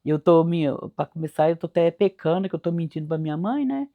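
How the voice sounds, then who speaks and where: A woman's voice: lowish voice, animated, fast, phone-quality sound. An older woman from Brazil, telling memories of her youth in a folksy, repetitive way. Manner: folksy, repetitive, acts out quoted voices. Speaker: storyteller. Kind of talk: spoken life memories.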